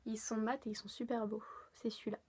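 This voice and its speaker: A woman's voice: on the high side, little pitch movement, brisk, darkish tone, a little hiss or hum. An eighteen-year-old woman from France chatting casually through a makeup haul, gushing with lots of fillers. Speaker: beauty vlogger. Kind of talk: casual haul video chat.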